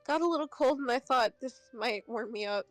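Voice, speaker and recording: A woman voicing a flirtatious male colonel in a dating game, with a put-on smooth country accent. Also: on the high side, a little fast, close to an everyday voice. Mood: apologetic. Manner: smooth country drawl, seductive.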